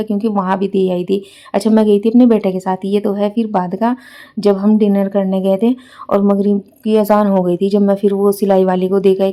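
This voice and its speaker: A woman's voice: medium pitch, dark tone. A middle-aged woman narrating a casual family vlog, rambling and chatty with lots of fillers. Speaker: vlogger.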